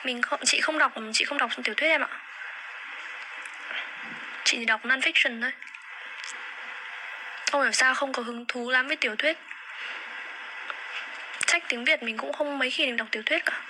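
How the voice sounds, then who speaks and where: A woman's voice: high-pitched, normal speed, long pauses. A young woman, chatting casually on a phone livestream and repeating words as she searches for them. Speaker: livestream host. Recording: phone livestream with steady background noise.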